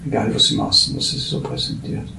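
A man giving a meandering spiritual talk, halting and searching for words, drifting from soft murmurs into animated bursts. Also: noisy background. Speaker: spiritual teacher. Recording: echoey room with faint ambience.

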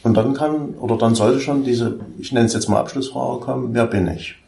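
A man's voice: mid-range voice, normal speed, creaky, mellow. A man as a student in a spiritual dialogue, thoughtfully asking questions and checking his understanding. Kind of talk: spiritual dialogue on self-inquiry. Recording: roomy echo.

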